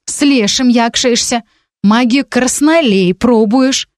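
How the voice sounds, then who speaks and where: A woman voicing Vika, an indignant, bossy teenage witch girl who scolds in a high, shrill voice. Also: sing-song, brisk, no echo, studio quality. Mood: scolding. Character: sharp-tongued young witch girl, purple-haired, bossy.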